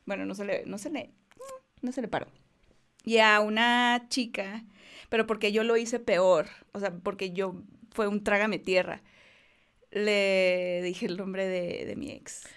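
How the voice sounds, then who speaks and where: A woman's voice: medium pitch, measured pace, smooth. A young woman, co-hosting a casual podcast and telling stories with slang and acted-out quotes. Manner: animated, slangy, acts out quotes. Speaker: podcast co-host. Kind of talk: casual chat.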